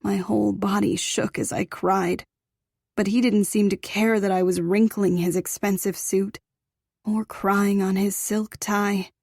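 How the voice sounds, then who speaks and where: A woman's voice: mid-range voice, level tone, unhurried, gravelly, a little mellow, dry recording, clean studio sound. A woman narrating a first-person romance audiobook in an intimate, emotional reading.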